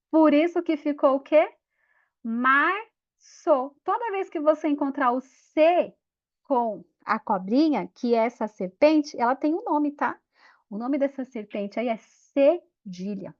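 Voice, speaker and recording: A woman giving a lively teacher training talk, acting out classroom scenes in voices. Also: high-pitched, measured pace. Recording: dull lo-fi sound.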